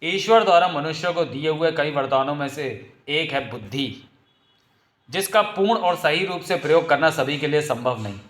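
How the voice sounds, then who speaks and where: A man's voice: a little high, a bit bright. Solemn man narrating a comic. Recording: roomy echo.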